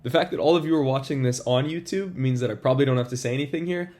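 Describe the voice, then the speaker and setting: Talking very fast in a mid-range, slightly mellow voice, a man teaches system design at a whiteboard for his tutorial. He is upbeat and casual and refers to viewers as "you guys," though a cold leaves his voice a bit congested.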